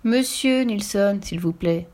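A woman's voice: mid-range voice, slow, darkish tone, lightly acted. A woman voicing a bold, cheerful little girl in a storybook reading, matter-of-fact and playful. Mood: whispered calm.

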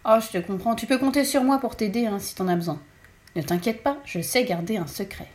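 A woman's voice: mid-range voice, fairly quick, a little mellow, close to an everyday voice. A woman voicing a young schoolboy, the vampire boy's human friend, who talks in a raised, startled voice. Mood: eager. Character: frightened little boy friend.

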